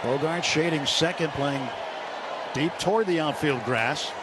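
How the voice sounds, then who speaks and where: Over a roaring stadium crowd and loud ballpark noise, this radio play-by-play man speaks unhurriedly in a voice on the high side. Broadcasting live baseball from the booth, he leans on colorful, folksy expressions.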